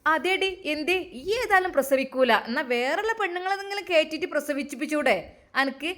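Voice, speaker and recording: A woman voicing a stern, domineering older mother-in-law in an amateur story drama. She speaks in a Malappuram Malayalam accent with a loud, nagging, taunting manner. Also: sits high, fairly quick. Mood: scolding.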